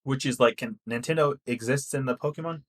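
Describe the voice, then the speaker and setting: A man's voice: mid-range voice, brisk. A young man co-hosting a podcast in casual chat, rambling and swearing freely. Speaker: podcast co-host.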